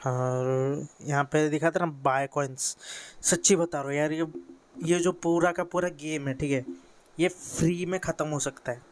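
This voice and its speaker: A man's voice: fairly high pitch, steady tone, a little slow. A teenage boy from India talks through a mobile game tutorial in a casual, rambling way, full of fillers and self-corrections. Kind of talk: casual screen-recorded tutorial. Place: bedroom with a fan running.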